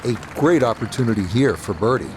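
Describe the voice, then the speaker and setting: A man doing measured television-style golf commentary for a video game, with outdoor crowd ambience behind him. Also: mid-range voice, animated, noisy background, lightly acted. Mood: measured, approving.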